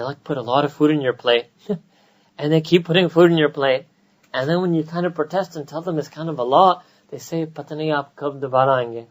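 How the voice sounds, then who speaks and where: An American man, a scholar, giving a conversational religious lecture to a gathering with quick joking asides. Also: medium pitch, low-quality recording. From United States.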